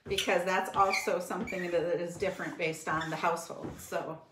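A woman's voice: on the low side, steady tone, normal speed, very noisy. A middle-aged woman hosting a live home cooking demonstration, chatting to viewers while she works at the counter. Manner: chatty and friendly, talks to viewers while working. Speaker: cooking show host. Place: home kitchen, indoors. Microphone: fixed camera across the counter. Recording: roomy kitchen echo.

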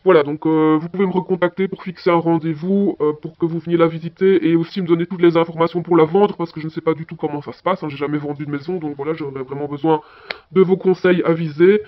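Insistent male householder acted by a man, high-pitched, hesitant phone message, dull audio. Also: fairly even intonation, quick pace, lightly acted. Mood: chatty, businesslike. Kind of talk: scripted voicemail role-play.

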